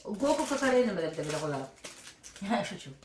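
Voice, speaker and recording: A woman's voice: mid-range voice, moderate pace. A woman vlogging casually with her young child, tasting snacks and joking around. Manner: playful, jokey, animated. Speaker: vlogger, mother. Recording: echoey room, mic at a distance, faint noise.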